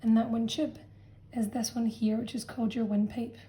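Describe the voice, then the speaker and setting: A woman teacher walks students through a revision lesson in a patient, explanatory way, often pausing to check in. Her voice sits a little high but sounds mellow and warm. It comes across as a friendly classroom explanation. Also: level tone, low-quality recording. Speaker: science teacher. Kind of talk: revision lesson narration over a drawn diagram.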